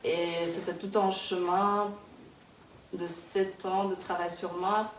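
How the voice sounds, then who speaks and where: A woman's voice: on the low side, flat delivery, slow pace. A woman in her thirties, born in Kazakhstan, answering interview questions in a casual, hesitant way with many fillers and restarts. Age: 30s. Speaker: interviewee, early childhood worker. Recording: echoey room, distant mic, background noise.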